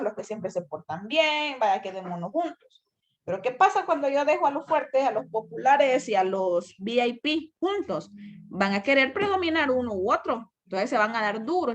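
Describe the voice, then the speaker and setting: Woman, fairly high voice, teacher on a video call, patient and repetitive. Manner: explains slowly, uses playful diminutives, repeats key points. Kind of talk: online class lecture. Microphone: computer mic on a video call.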